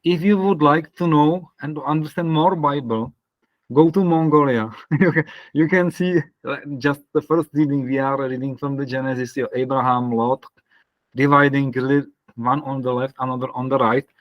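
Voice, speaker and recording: A man from the Republic, a parish priest talking casually on a video call, searching for words with soft laughs. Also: mid-range voice, normal speed, no room sound, lo-fi sound. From Czech Republic.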